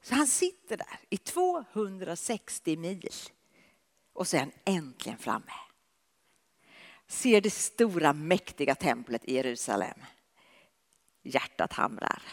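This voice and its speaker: A woman preacher delivering a sermon as dramatic storytelling, dropping to hushed lows and rising to emphatic peaks. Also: big-room sound.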